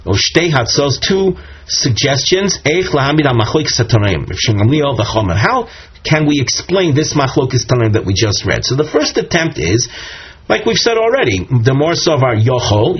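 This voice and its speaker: Dull, lo-fi audio captures a man teaching Talmud in a husky, mid-range voice. He works through the text step by step, quoting Hebrew and Aramaic along the way.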